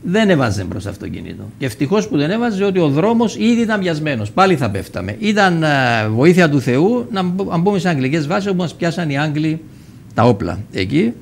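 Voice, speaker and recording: A man's voice: fairly high pitch, big pitch swings, vocal fry, a little hiss or hum. An older man from Cyprus, a guest telling a personal story in a TV interview and acting out the dialogue as he goes. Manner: vivid storyteller who acts out quoted dialogue, with frequent restarts.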